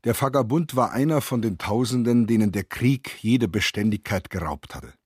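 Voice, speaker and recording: Grave, low-voiced male narrator. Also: normal speed, a little mellow, breathy edge, dry recording, studio quality. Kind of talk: scripted radio drama narration.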